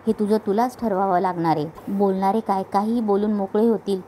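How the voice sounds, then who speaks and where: A woman voicing a gentle, dutiful young daughter-in-law, speaking softly and slowly. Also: mid-range voice, fairly even intonation, slight background noise, natural voice. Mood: calm.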